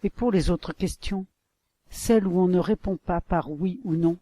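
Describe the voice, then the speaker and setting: Female co-presenter, mellow, inquisitive, scripted question lines. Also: lowish voice, normal speed. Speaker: lesson co-presenter asking questions. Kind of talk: scripted narration.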